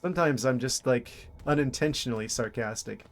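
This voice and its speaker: A man's voice: mid-range voice, fairly quick. A man streaming a video game, thinking aloud in a casual, dryly humorous way. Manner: musing aloud, dry self-aware humor. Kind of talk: casual gameplay commentary.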